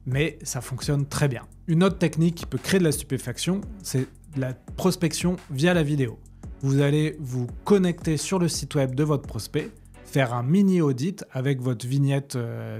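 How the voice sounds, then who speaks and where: A man who hosts a sales podcast gives an informal talk in a conversational way, often pausing on hesitations. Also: mid-range voice, dark tone.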